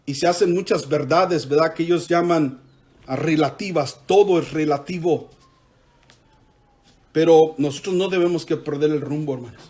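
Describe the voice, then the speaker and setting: A man's voice: fairly high pitch, moderate pace, darkish tone. A man preaching a sermon in church, emphatic, drawing the congregation into call-and-response.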